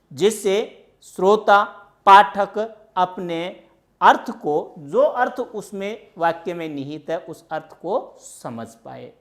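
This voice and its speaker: A woman teacher giving a grammar lesson, deliberate and explanatory, posing questions to her class and answering them herself. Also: mid-range voice.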